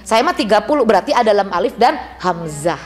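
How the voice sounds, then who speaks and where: With a mid-range, sing-song voice, a woman runs a women's study group in a mosque on the rules of Quran recitation. Briskly, she asks the class questions and drills their responses.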